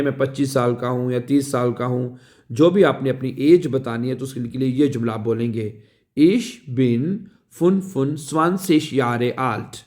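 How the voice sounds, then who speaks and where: Slow-paced man teaching phrases. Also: mid-range voice, darkish tone. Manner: repeats phrases slowly with drawn-out syllables, asks "right?". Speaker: language teacher. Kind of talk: slow language lesson.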